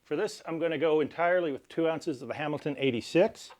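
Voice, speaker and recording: A man hosting a cocktail tutorial, explaining each step in a measured, instructional way. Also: fairly high pitch, a little mellow. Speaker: cocktail channel host. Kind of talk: cocktail recipe tutorial presentation.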